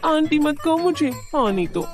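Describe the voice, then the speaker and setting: A vain, fussy village neighbour woman, as a storyteller puts her on snaps out her pet phrase in a raised, huffy voice. The pitch goes up above the narration and the tone stays mellow, with music underneath. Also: sing-song, normal speed. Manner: repeats a fussy catchphrase. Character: vain middle-aged woman neighbour with a catchphrase.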